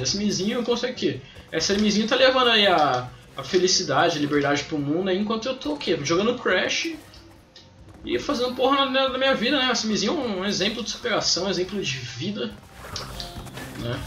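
A young Brazilian man chats through a game stream in slangy, sweary rambles. His voice sits high and moves up and down a lot, in a roomy space with faint game music behind it. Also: sharp tone. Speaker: gaming live streamer. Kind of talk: casual live game commentary.

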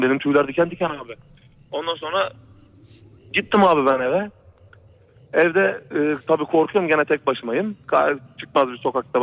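Fast-talking man telling a scary story. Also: on the high side. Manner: rambling, repetitive, keeps saying "brother" and "he said". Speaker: radio show caller. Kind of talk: telling a true horror story on a call-in show. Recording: dull lo-fi radio broadcast.

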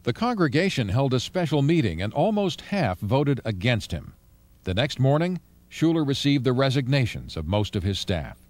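A man giving scripted documentary narration in a measured storytelling delivery. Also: medium pitch, sing-song, a little mellow.

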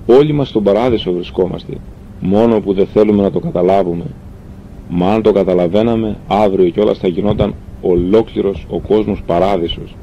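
A man voicing a gentle, dying young man who speaks softly and tenderly. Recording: dull lo-fi recording with faint rumble.

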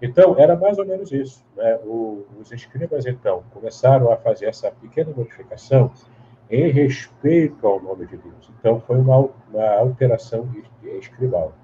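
A man's voice: mid-range voice, animated, moderate pace, mellow. A man, explaining at length as an interview guest, in a teacherly way with many tag questions and restarts. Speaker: guest Bible scholar. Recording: dull lo-fi sound with faint hiss.

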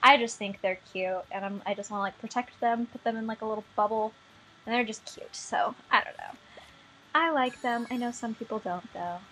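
A woman's voice: a little high, fairly quick, sharp tone, slight background noise, poor audio. A young woman doing casual commentary on her gacha game pulls, bubbly and gushing, giggling and apologizing as she talks, a little under the weather. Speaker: gaming vlogger. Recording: faint background game music.

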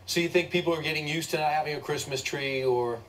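Man co-host, chatty, hesitant, mid-pitched, distant broadcast sound. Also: fast, a bit bright. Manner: loose, chatty, hesitant questions. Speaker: TV morning show co-host. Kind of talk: live TV news interview.

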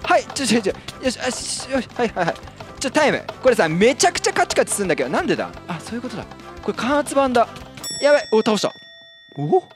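Excitable man doing Minecraft commentary. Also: very high voice, fast, over music. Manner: excitable, yelps and laughs when startled. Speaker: Minecraft let's-play host. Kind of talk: casual gameplay commentary.

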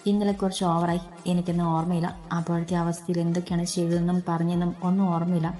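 A woman voicing a troubled young widowed man who speaks gently and apologetically in a storybook reading. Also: lowish voice, little pitch movement, fast talker, soft background music, natural voice. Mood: earnest, apologetic.

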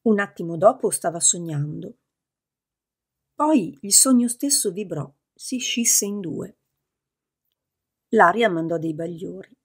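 A woman narrating a novel as an audiobook in a steady, measured reading. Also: medium pitch, slightly rough.

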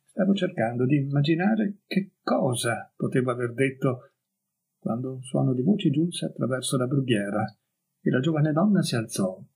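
A man reading a story aloud as an audiobook, in a calm and measured narrating voice. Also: medium pitch, creaky, breathy edge, rough recording. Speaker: audiobook reader.

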